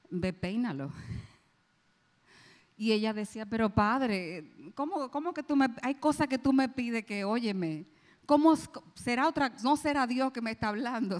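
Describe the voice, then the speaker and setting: A woman preaching a sermon, telling a story with quoted voices and slowing down and dropping low on key phrases. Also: long reverb tail.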